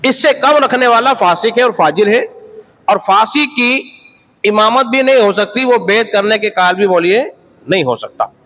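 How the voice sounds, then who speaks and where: A man with a notably high-pitched voice preaches a religious sermon. He speaks emphatically, repeating key points and putting rhetorical questions to his listeners. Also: expressive, normal speed, a bit bright, poor audio. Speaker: Islamic preacher. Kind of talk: sermon lecture.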